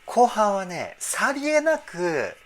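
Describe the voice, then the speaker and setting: A male vocal coach talking enthusiastically as he breaks down a song, pausing to try out the parts himself. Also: high-pitched, wildly swooping pitch, a bit bright, slight background noise. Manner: enthusiastic, explains while trying out sung examples. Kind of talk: reaction and vocal analysis talk.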